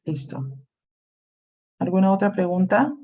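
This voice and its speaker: Woman, lecturer, online class, video call mic, mid pitch, steady explaining, checks with students. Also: a little slow, muffled recording. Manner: explains plainly, checks in with "¿no?", "¿sí?" and "este" fillers. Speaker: university clinical lab lecturer.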